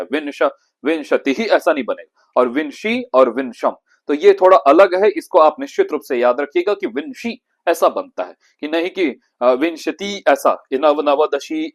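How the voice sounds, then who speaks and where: A male Sanskrit teacher with a Hindi accent, reciting numbers slowly and carefully so students can copy his pronunciation. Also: fairly high pitch. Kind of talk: classroom lesson.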